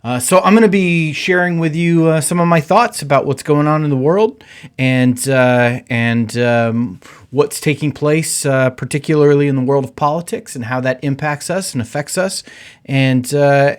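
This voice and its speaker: Casual pastor hosting a podcast. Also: male voice, medium pitch, measured pace, clean tone. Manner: many "uh" fillers, relaxed conversational delivery.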